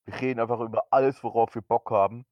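A man in his twenties co-hosting a casual podcast, talking relaxed and hesitant with fillers. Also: medium pitch, quick pace, dry recording, dull audio. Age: 20s. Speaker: podcast co-host. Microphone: new podcast microphone.

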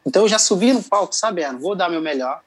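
A man's voice: high-pitched, expressive, fast, poor audio. A young man, a singer, telling stories casually as an interview guest, laughing often. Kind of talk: casual storytelling.

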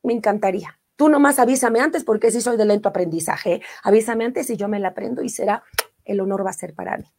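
A middle-aged singer with a Mexican accent chats casually on a live stream, reading out viewer comments with warm, effusive enthusiasm. Her medium-pitched voice is creaky, and she talks quickly.

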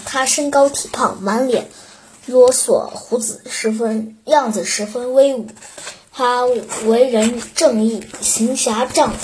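A woman reads an old tale aloud, very slowly, in a fairly high voice. She halts often, with fillers and restarts. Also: a little hiss or hum. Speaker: storyteller. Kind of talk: reading a classic tale aloud.

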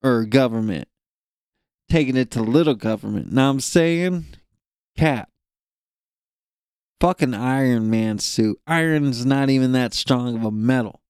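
A man's voice: mid-range voice, measured pace, pauses often, darkish tone, clean tone, dry recording, clean studio sound. A young man co-hosting a podcast, ranting in a profane, rambling, jokey way. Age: young adult. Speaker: podcast co-host. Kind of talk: casual rant.

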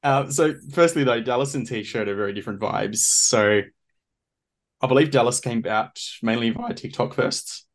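A male podcast host keeps things dry and teasing as he interviews his guests. His voice sits at a middle pitch, and he talks at an easy, conversational pace. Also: normal speed. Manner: dry, teasing, reads quotes aloud. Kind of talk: casual interview.

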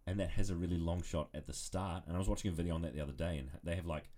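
A man's voice: deep voice, steady tone, rapid-fire, dark tone. A young man, co-hosting a casual podcast, joking and sarcastic. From New Zealand. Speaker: podcast co-host.

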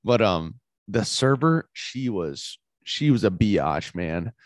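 Relaxed rambling man, dry close sound. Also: lowish voice, takes it slowly, no room sound. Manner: relaxed, rambling, "like" fillers, mild swearing. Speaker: podcast co-host. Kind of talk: casual chat.

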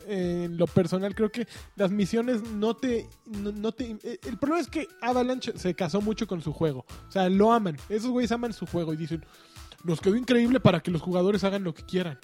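High-voiced Mexican man ranting. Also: mellow. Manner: opinionated, complaining with sighs. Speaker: podcast co-host. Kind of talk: casual chat about video games.

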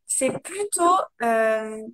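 A woman's voice: fairly high pitch, lively intonation, extremely slow, a bit bright. A woman in casual conversation, explaining ideas animatedly with many fillers. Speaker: guest, coach. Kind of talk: casual conversation, live video.

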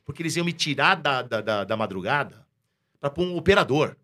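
A man with a Brazilian accent, a radio announcer telling a story in a casual interview, slangy and lively, acting out the dialogue he recounts. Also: mid-range voice, fairly quick. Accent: Brazilian Portuguese.

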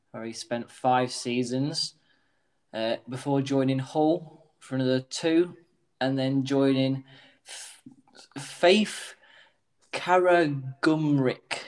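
A man works through a football quiz out loud. He hesitates and muses over his guesses in a casual, mid-pitched voice. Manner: thinking aloud, hesitant guesses. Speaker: quiz contestant.

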